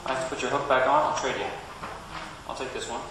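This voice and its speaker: A man's voice: medium pitch, fairly even intonation, fast, far from the mic. Man leading a children's sermon in an echoey church. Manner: gentle, coaxing, playful with children. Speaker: pastor. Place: church sanctuary. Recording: very echoey church with background noise.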